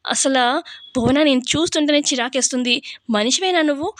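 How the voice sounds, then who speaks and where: A woman's voice: sits high, fast, dry recording, studio quality, close to an everyday voice. A woman voicing an angry young male hero who scolds a rival with reproachful questions. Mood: indignant.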